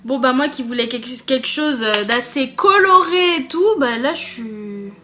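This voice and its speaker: A woman beauty vlogger chatting casually through a makeup challenge, bubbly and easily excited as she talks to her viewers. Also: sits high, moderate pace, soft background music.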